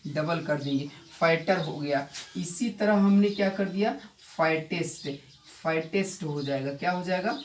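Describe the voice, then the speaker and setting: A male English grammar teacher giving a classroom lesson, repeating key points and quizzing his students with quick rhetorical questions. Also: on the high side. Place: coaching institute classroom. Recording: echoey room, distant mic, faint noise.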